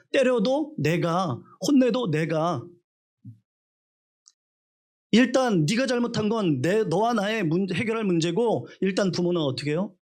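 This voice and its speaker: A male pastor preaching a sermon with emphatic rhetorical questions, acting out the voices of the people he quotes. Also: high-pitched.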